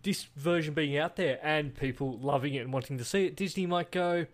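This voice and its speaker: A man co-hosting a casual podcast chat, earnest and a little halting. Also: on the high side. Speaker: podcast co-host.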